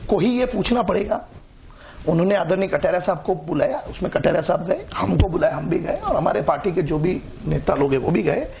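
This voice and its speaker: Gravelly high-voiced combative politician man. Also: sing-song, a little fast, a little hiss or hum. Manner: combative, talks over opponents, repeats points. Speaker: political party spokesman. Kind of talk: heated televised political debate. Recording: dull lo-fi broadcast audio.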